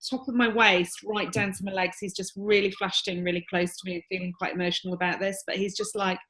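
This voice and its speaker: A woman's voice: mid-range voice, level tone, quick pace, a bit bright, poor audio. A woman working as a psychic medium, relaying messages in a reading. She talks in an earnest, emotional, chatty way with many restarts.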